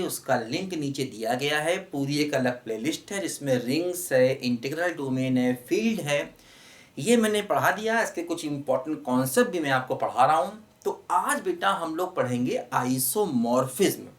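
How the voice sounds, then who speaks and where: A man's voice: on the high side, expressive, moderate pace. A man gives a maths lesson in a fatherly, coaxing way, addressing his students as children and repeatedly calling for their attention. His delivery swoops up and down with animation. The sound is roomy and echoey, picked up from a mic set some distance away. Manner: fatherly, calls viewers children, keeps repeating "look". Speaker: maths teacher. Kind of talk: online maths lecture.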